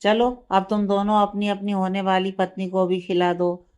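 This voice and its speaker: A woman's voice: medium pitch, level tone, moderate pace, a little mellow, clean tone, natural voice. A woman voicing a bossy mother scolding her sons. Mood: gentle. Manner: bossy, coaxing.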